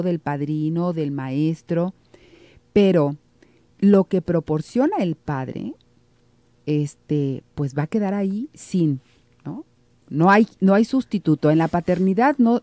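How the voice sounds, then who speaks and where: A Mexican radio host in middle age, low and mellow, reading messages and explaining calmly. Her voice sits close to the studio mic. The room sound is dry. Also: no echo. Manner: calm explanatory, reads listener messages. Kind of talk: radio call-in talk.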